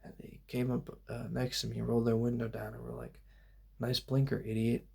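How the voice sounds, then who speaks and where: A young man talking softly in a loose, meandering ASMR ramble, laid-back and full of fillers. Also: medium pitch, completely flat delivery, fairly quick, gravelly, breathy edge. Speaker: ASMR channel host. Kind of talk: soft-spoken ASMR rambling.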